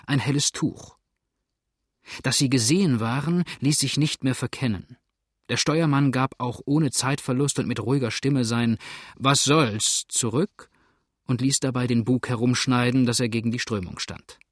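A man reading an adventure novel aloud as an audiobook narrator, in an even, measured storytelling manner. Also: medium pitch, slightly rough, no room sound, studio quality.

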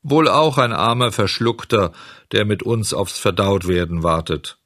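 A man voicing a calm, philosophical male dolphin with a hoarse voice. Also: on the low side, unhurried, no room sound, clean studio sound.

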